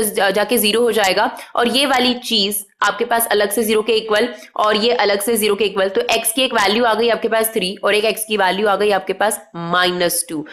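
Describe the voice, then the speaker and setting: A woman's voice: medium pitch, a bit bright. A woman teaching a math lesson step by step, mixing Indian-accented English into Hindi and answering her own questions. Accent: Indian English mixed into Hindi. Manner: patient, asks questions then answers them.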